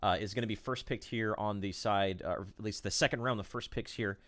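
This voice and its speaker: Excitable male esports caster, rambling commentary. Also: fairly low pitch, brisk. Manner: rambling, excitable play-by-play with fillers.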